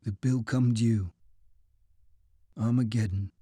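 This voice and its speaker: A shaken, weary army chaplain, voiced by a male narrator, quiet and faltering. His words come out low and spent. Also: steady tone, takes it slowly, husky, dry recording.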